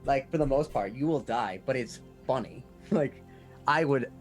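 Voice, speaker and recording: A man's voice: mid-range voice, animated, normal speed, soft background music. A young man chatting casually on a stream, laughing easily and explaining things with hesitant fillers. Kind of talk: casual chat on a live stream.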